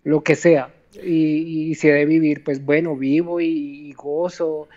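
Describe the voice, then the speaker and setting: A man on a dull, lo-fi call line speaks in a fairly flat, slightly raised voice. He hesitates and repeats himself, searching for his words. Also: a little high, a little slow. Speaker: caller.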